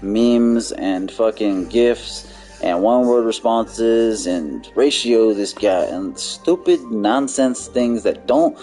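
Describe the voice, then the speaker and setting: A man's voice: on the low side, takes it slowly, dark tone, faint music behind. A man ranting on a live game stream, heated and profane, repeating himself as he argues. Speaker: gaming streamer.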